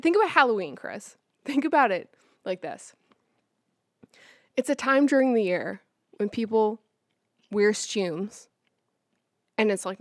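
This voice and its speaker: A woman co-hosting a podcast in casual chat, excitable, laughing often and swearing freely. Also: a little high, no room sound, clean studio sound. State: sweating in a costume. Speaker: podcast co-host.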